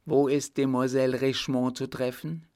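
A man's voice: mid-range voice, flat delivery, moderate pace, mellow, clean tone, pitched above the performer's own voice, lightly acted. A man reading the lines of a curt, commanding, sarcastic emperor in an audiobook. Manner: clipped, imperious.

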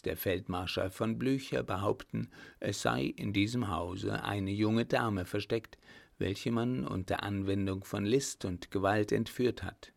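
A nervous, formal town official protests with elaborate politeness, voiced by a male audiobook reader. His voice is low and gravelly, his phrasing stiff and bureaucratic. It is a storybook reading.

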